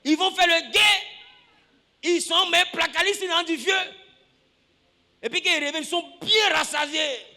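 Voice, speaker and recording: A pastor preaching a lively sermon, acting out scenes, shouting and laughing with the congregation. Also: male voice, very high voice, normal speed, long pauses, big-room sound.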